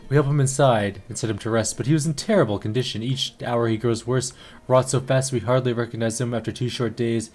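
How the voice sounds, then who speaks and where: A man's voice: mid-range voice, steady tone, a little mellow, close to an everyday voice. A man doing a widow with broken English. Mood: mournful. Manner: halting, broken English with odd idioms. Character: grieving middle-aged widow with broken English.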